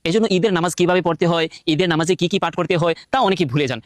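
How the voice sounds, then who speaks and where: A man teaching how to pray, explaining quickly and then chanting the prayer slowly. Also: high voice, steady tone, no room sound. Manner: rapid explanatory delivery, slow drawn-out chanting when reciting. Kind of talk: instructional talk, then chanted Arabic recitation.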